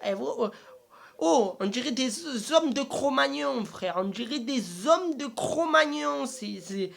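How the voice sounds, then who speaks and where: Gravelly woman ranting about football. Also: sits high, animated, takes it slowly. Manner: exasperated, repetitive slangy insults. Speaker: football fan vlogger. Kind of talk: comic angry match rant.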